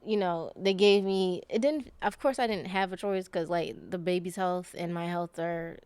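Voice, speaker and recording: A woman's voice: lowish voice, normal speed, darkish tone, clean tone, no echo. A woman guest on a podcast, telling a personal story in a rambling, casual way with many fillers and self-corrections.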